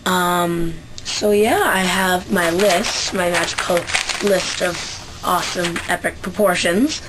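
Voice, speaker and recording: A woman's voice: lowish voice, fairly even intonation, slow pace, noisy background. A young woman from Central Canada with a Canadian accent, chatting casually in a vlog, hesitant with many fillers and restarts. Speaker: vlogger. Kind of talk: casual dialect-survey vlog.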